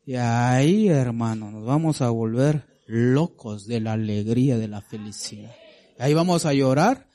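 Mellow-voiced man preaching a sermon. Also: mid-range voice, unhurried. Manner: addresses congregation as brother, sister, asks rhetorical questions; swings between loud climbs and soft drops. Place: church congregation.

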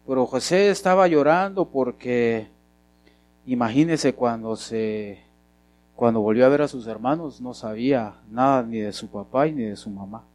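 A man preaching a sermon as pastor, often putting questions to the congregation and swinging between loud and soft. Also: medium pitch, normal speed, no room sound.

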